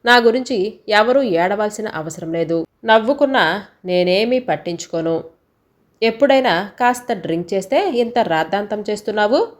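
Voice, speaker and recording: A woman's voice: medium pitch, lively intonation, normal speed, natural voice. A woman voicing a defensive, hard-drinking husband as she reads a family storybook tale. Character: angry drunk husband, defensive man.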